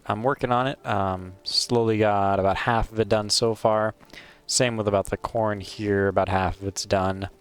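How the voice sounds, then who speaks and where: A man with a fairly low, clean-toned voice hosts a let's play, commenting casually on his game from a home gaming setup. He rambles at an unhurried pace, hesitant and full of ums and uhs. He's recorded on a wired mic.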